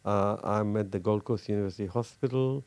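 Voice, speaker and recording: A middle-aged man from Fiji, a cardiologist, talking earnestly in an interview with many pauses and restarts. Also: fairly low pitch, darkish tone, clear, resonant tone, no room sound. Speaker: cardiologist guest. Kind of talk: casual interview talk.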